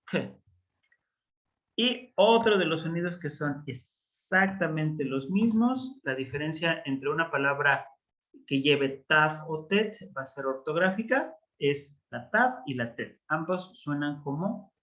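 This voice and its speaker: Man teacher with a slightly high, bright voice, patient and unhurried, on a muffled online class recording. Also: lively intonation. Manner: slow, patient explaining with frequent fillers. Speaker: Biblical Hebrew teacher.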